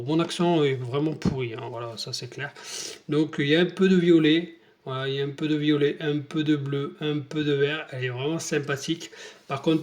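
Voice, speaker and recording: A man talking casually in a hobby vlog, hesitant and rambling with many fillers, showing paint tests to the camera. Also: medium pitch. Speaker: scale model hobbyist.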